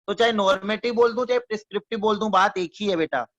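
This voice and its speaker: A man's voice: high-pitched, quick pace, a bit bright. Man teaching, repeating and quizzing. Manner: explains by repetition, quizzes listeners with frequent check-in questions; addresses listeners fondly as students. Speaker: economics teacher. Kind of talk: classroom-style lecture. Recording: dull lo-fi dry recording.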